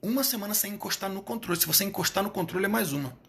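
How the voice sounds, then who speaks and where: A man's voice: high-pitched, very fast, a bit bright. A middle-aged man hosting a live stream, talking bluntly and emphatically, repeating lines for punch and swearing casually. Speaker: live stream host, therapist coach.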